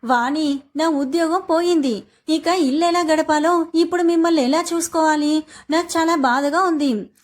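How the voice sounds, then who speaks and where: A woman's voice: high voice, moderate pace, lightly acted. A woman voicing a worried young husband who has lost his job, speaking earnestly. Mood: sad. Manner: earnest, pleading.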